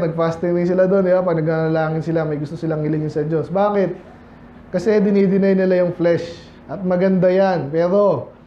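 A man's voice: high-pitched, mellow, slight background noise. A Filipino man preaching a casual, conversational sermon to his congregation, often asking them rhetorical questions. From Philippines. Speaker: pastor. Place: church sanctuary. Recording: echoey church hall, slightly dull sound.

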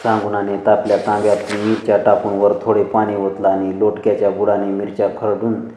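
Low, flat-voiced man reading a story. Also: brisk, a little hiss or hum. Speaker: story narrator. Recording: echoey, dull lo-fi reverb.

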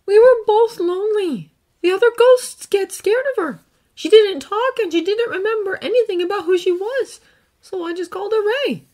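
A woman voicing an earnest teenage boy who sees ghosts, speaking softly and haltingly in a fan fiction audiobook reading. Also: very high voice, voice pushed up. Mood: tender. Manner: soft, halting, emotional.

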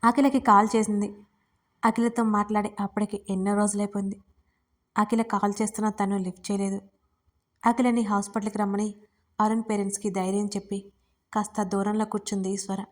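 A woman narrating her own romance audiobook. She reads in a steady, expressive storyteller's manner, at an ordinary mid pitch. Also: a little fast, pauses often. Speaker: storyteller and writer.

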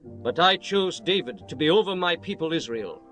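A man's voice: fairly high pitch, animated, moderate pace, fairly bright tone. An actor playing a reverent king in a dramatized scripture reading, solemn and declamatory as he addresses God and his people. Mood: proud, reverent. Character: King Solomon, reverent male monarch praying and blessing. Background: music.

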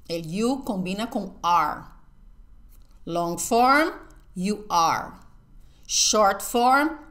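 A woman teaching an English lesson, drilling phrases with slow, emphatic repetition and answering her own questions. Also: mid-range voice, fairly bright tone. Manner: asks the viewer questions and answers them herself. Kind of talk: online language lesson.

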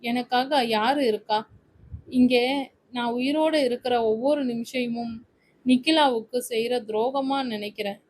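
Woman reading as grieving young man, tearful, despairing, fairly high voice, storybook. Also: steady tone, a little slow, darkish tone, slight background noise, lightly acted. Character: young man, grief-stricken lover.

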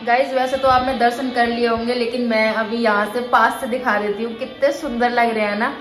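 A woman's voice: a little high, fairly even intonation, a little fast, a bit bright, reverberant, soft background music. A young woman chatting casually in a family vlog, often checking "है ना?" with her partner. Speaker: vlogger.

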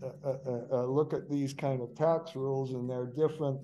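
An older man giving a webinar finance lecture. He rambles, stumbles over fillers and corrects himself, and gets excited now and then. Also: mid-range voice, moderate pace, dull audio, soft background music. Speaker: finance instructor.

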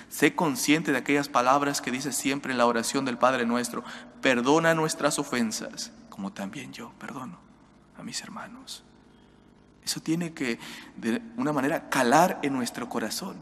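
A man in his thirties, a priest with a Spanish accent, delivers a daily-Mass homily from a lectern. His address is earnest and exhorting, aimed straight at the listener, at a middle pitch. The voice carries a long church reverb. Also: fairly bright tone. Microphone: lectern microphone.

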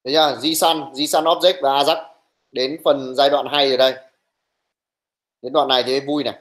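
A young male teacher running an online class, brisk and teasing, who scolds his students bluntly while taking attendance. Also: medium pitch, fairly even intonation, a bit bright, poor audio.

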